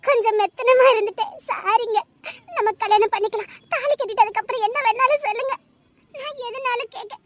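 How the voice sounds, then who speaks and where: A woman's voice: extremely high pitch, fairly even intonation, brisk. A woman voicing a desperate young woman who tearfully and insistently begs her lover to marry her, in an audio drama. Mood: tearful pleading. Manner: pleading, tearful, insistent repetition.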